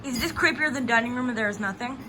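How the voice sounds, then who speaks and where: A woman's voice: a little high, fast, over music. A young female interviewer chatting casually and asking questions about reactions. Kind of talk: casual chat. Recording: noisy home recording.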